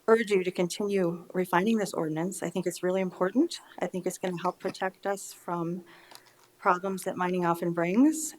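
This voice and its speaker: An American woman in her fifties speaks as a resident at a public meeting. Dental braces soften her enunciation a little, and she comes across as informal and earnest. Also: lowish voice, slight background noise, low-quality recording. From United States. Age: 50s. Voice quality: slightly slurred articulation from dental braces. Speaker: resident giving public comment. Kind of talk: public comment at a local government meeting.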